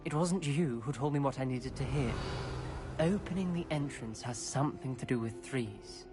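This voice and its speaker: In video game dialogue set over game music, a man with a mid-range voice speaks at a moderate pace with light acting. He voices an earnest, cautious young wizard student who can talk to snakes.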